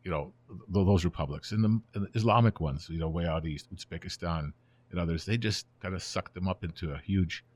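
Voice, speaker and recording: A man in his seventies with a very deep voice, whose first language is Ukrainian, appears as a guest in a conversational interview explaining history. Born in Germany and raised in the United States, he speaks fairly quickly in a relaxed, storytelling style, often letting phrases trail off softly.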